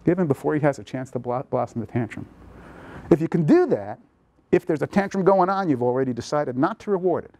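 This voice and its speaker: A man, a pediatrician, giving a lively lecture on parenting to an audience in a lecture room, acting out children's thoughts as he goes. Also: a little high, fairly quick. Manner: lively, animated, acts out kids' thoughts.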